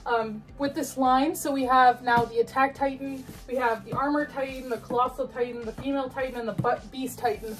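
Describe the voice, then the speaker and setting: A woman's voice: sits high, fairly even intonation, brisk, few pauses, distant mic, faint music behind. A young woman casually chatting through an unboxing, gushing and laughing, a bit out of breath as she struggles with the box. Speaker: collectibles unboxing vlogger.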